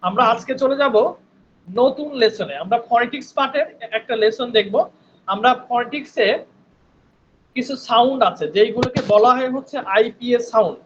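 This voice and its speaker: A man's voice: extremely high pitch, lo-fi sound, slight background noise. A man teaching an online spoken English class, patient and repetitive, often checking in with his students. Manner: patient, repeats sounds slowly, checks in with "right?". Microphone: headphones on a video call.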